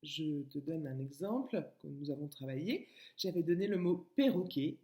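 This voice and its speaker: A woman's voice: deep voice, animated, normal speed, mellow, echoey room. A woman teacher giving a recorded lesson to young children, speaking patiently and addressing the child directly. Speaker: kindergarten teacher.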